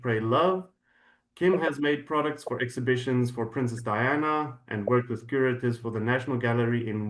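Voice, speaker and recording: A man's voice: medium pitch, low-quality recording. A man acting as host, introducing a guest speaker in an informal workshop setting. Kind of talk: introduction, partly read, then halting informal welcome.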